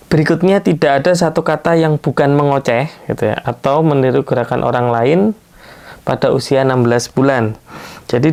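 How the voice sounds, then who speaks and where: A man with a gravelly, fry-edged voice at an ordinary middle pitch. He speaks as a pediatrician giving an educational health talk. He explains patiently, one numbered point after another. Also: darkish tone.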